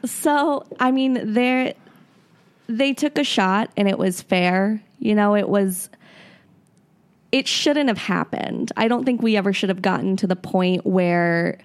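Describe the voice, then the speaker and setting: A woman's voice: medium pitch, slow pace. A woman talking casually on a sports podcast about the fan section's energy, laughing and correcting herself. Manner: giggly, self-correcting. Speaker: supporter-section guest.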